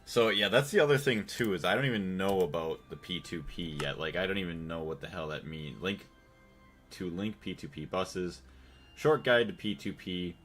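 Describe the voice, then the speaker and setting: An American man chats casually while playing on a gaming livestream, thinking aloud and thanking his chat. His voice is low-pitched and fairly bright, with a moderate pace and faint music in the background.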